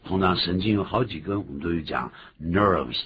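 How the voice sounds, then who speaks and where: A man hosting an English lesson, explaining words and pronunciation with lively emphasis. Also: normal speed. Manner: animated explaining, jumps high in pitch for emphasis. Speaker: English teacher host. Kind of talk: bilingual radio English lesson. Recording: dull lo-fi recording with faint hiss.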